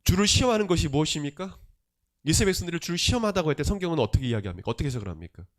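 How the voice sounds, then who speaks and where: Animated Korean pastor preaching a sermon. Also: male voice, on the high side, racing. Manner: emphatic, rhetorical questions, swings between loud and soft.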